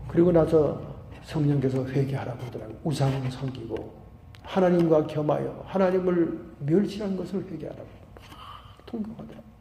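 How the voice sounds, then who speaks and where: A middle-aged male pastor preaching a sermon, telling a story and acting out the people in it with animated voices. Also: on the high side, creaky. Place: church sanctuary. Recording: echoey hall reverb.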